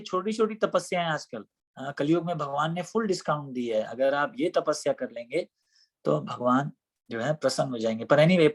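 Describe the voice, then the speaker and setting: A man giving a devotional scripture class in a conversational way, often asking rhetorical questions. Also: on the high side. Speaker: scripture teacher.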